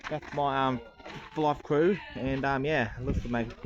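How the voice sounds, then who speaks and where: A man with an Australian accent, vlogging casually at an outdoor farm, excited and chatty, ending lines with "eh". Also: mid-range voice, normal speed. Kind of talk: casual walking vlog. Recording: dull lo-fi sound, crowd and farm animals behind.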